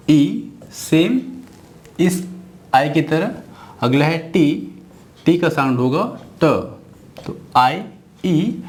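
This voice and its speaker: A man teaching an English phonics lesson at a board, drawing out and repeating each sound. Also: fairly high pitch. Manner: slow, drawn-out, repeating sounds.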